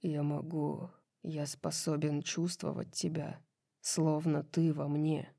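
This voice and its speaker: Woman playing a winged fallen angel guy, low breathy whisper, tender and awed, soft and slow, dry close sound. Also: little pitch movement, dry recording, heavily acted.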